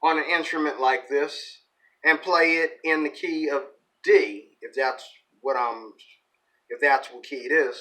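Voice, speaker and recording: Poor audio captures a man whose fairly high voice is pushed and bright, steady in tone and unhurried. He runs a ukulele channel and is teaching an informal lesson, playing as he talks, rambling folksily, thinking aloud and correcting himself, with ukulele strumming behind him.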